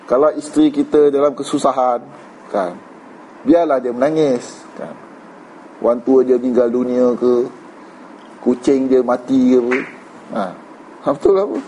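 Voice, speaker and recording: A man's voice: medium pitch, dark tone, a little hiss or hum, low-quality recording. A Malaysian man giving an informal religious lecture, conversational, mixing in English words and asking "kan?" often. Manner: conversational, mixes English words, frequent "kan?" tag questions. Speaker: religious teacher.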